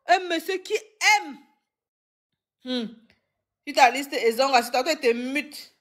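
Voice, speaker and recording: A woman with a high, lifted voice hosts a casual live stream. She talks in animated bursts, full of dramatic exclamations. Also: slow.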